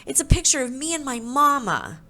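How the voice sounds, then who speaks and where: A woman reading aloud and voicing an upset little girl ladybug in a children's storybook, in a higher, soft voice. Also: big pitch swings, moderate pace, full character voice. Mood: hurt. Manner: soft, tearful.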